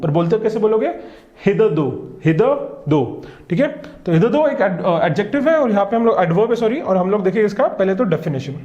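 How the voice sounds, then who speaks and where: High-pitched Indian man teaching vocabulary. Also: darkish tone, roomy sound. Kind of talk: online vocabulary lesson.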